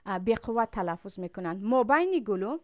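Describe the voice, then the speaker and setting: A woman with a Tajik accent teaching a pronunciation lesson, slowly drawing out and repeating sounds made deep in the throat. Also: animated, a little mellow. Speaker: Quran recitation teacher.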